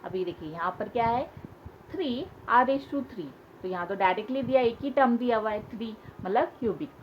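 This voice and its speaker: Patient woman teaching maths, slightly high voice. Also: lively intonation, normal speed. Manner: patient, repeats key points with questions. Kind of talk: classroom maths lesson. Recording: dull lo-fi sound with faint hiss.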